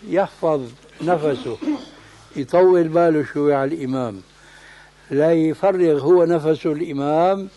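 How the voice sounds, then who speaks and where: Mellow-voiced scholar correcting firmly. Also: male voice, on the high side. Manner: emphatic, corrective, asks and answers his own questions. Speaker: religious scholar teaching. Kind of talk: religious lesson with corrections.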